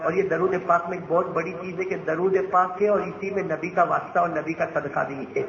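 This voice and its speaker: A man's voice: high-pitched, steady tone, a bit bright, slight background noise. A man preaching a Ramadan night sermon in a mosque, leading the crowd in call-and-response and joking with them as he goes. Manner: jovial, banters with the crowd, tells joking anecdotes. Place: mosque gathering. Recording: echoey, dull mosque PA with crowd ambience.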